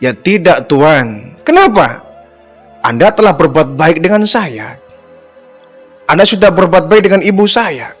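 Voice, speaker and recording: A man voicing a humble young orphan boy who answers softly and obediently. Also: fairly high pitch, animated, unhurried, long pauses, faint music behind, voice pushed up. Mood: meek. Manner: soft, deferential replies.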